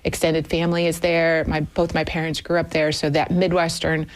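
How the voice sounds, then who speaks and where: Candid woman with a low voice. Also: level tone, normal speed. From Germany. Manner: thoughtful, candid, with frequent fillers. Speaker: guest. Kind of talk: conversational radio interview. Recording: radio studio.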